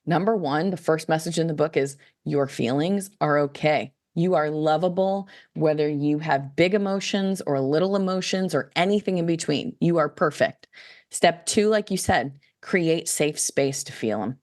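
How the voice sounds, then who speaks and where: Podcast guest, female, low register, lively storyteller who slips into quoted voices mid-sentence. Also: normal speed. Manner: animated, acts out quoted voices, many "like, you know" fillers. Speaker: guest, children's book author. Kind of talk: casual podcast conversation.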